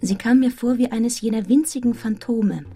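Mellow, reflective female narrator. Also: a little high, normal speed, husky, soft background music. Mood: reflective, sombre. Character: grown woman recounting her grim orphan childhood, reflective. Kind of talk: literary audio drama narration.

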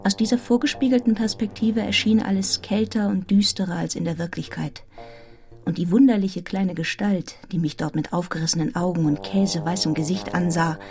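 Woman as mellow, reflective female narrator. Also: medium pitch, lightly acted. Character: grown woman recounting her grim orphan childhood, reflective. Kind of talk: literary audio drama narration.

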